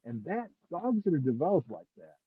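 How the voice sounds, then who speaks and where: Man, muffled as if through a wall, husky, dry, phone-like earbud call, rambling. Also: fairly high pitch, very animated, a little fast, no room sound. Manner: rambling, many restarts. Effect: muffled, as if heard through a wall. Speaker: guest dog breeder. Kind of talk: casual call-in conversation. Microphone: earbuds on a remote call.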